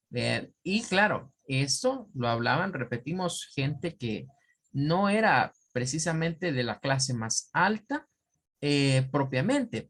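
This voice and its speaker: A male English teacher with a Central American Spanish accent, giving an explanatory online lecture and often checking in with his listeners. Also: a little high. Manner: explanatory, asks ¿verdad? often.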